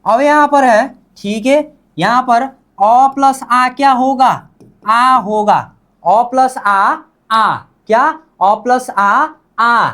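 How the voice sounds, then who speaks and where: A man's voice: very high-pitched, extremely slow, pushed and bright. A man teaching a Korean lesson, drilling words by repetition and asking and answering his own questions. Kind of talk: classroom lesson.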